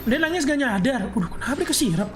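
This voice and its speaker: Lady streamer from indonesia yapping and laughing over game music, kinda high voice. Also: animated, quick pace, fairly bright tone. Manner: chatty, laughing, reads chat aloud. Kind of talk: casual live-stream chat while playing.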